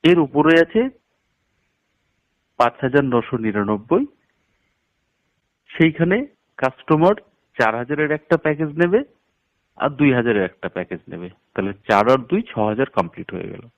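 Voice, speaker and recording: Over a dull, lo-fi phone line, a network marketing promoter walks a prospect through a business plan step by step, stressing the figures. His medium-pitched voice has a sing-song lilt, and he moves at a moderate pace with frequent pauses.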